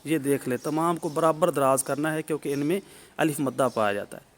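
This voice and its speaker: A middle-aged man teaching a Quran recitation lesson, patient and repetitive, drawing out each syllable he models. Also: a little high. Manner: patient, repeats points, models each syllable loudly and drawn out. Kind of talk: alphabet pronunciation lesson.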